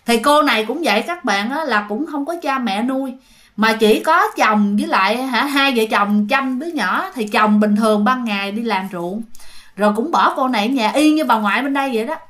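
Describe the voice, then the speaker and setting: A woman's voice: fairly high pitch, fairly quick, a bit bright. Chatty Southern Vietnamese woman telling ghost stories. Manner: chatty, addresses listeners directly, frequent filler 'hả'. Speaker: ghost story narrator. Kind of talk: casual spoken ghost-story telling.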